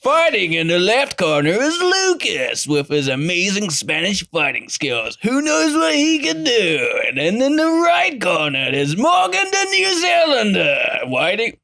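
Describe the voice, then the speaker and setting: A man's voice: high-pitched, wildly swooping pitch, measured pace, gravelly, hardly any pauses, bright, forceful tone, voice pushed up, exaggerated voice. A man putting on the voice of a male fight-night ring announcer, stretching out his words in a hyped way.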